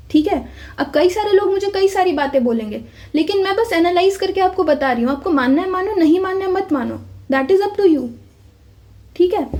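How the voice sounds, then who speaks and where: A woman's voice: high-pitched, mellow. A woman giving a casual, insistent exam-update talk to viewers, often calling them "bhai" and checking in with "theek hai".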